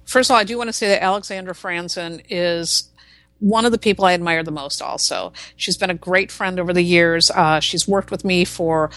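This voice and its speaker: A woman's voice: fairly low pitch, fairly quick, no room sound. A woman in her forties, a tarot reader and podcast guest, speaking bluntly and emphatically in casual interview chat. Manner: blunt, emphatic, animated storytelling.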